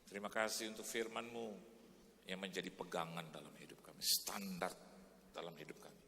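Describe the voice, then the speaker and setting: A man preaching as a pastor, telling a story in animated sermon style and then leading a prayer. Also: low-pitched, brisk, vocal fry. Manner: animated storytelling, shouting greetings in quoted voices. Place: large church hall. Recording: reverberant church hall, faint noise.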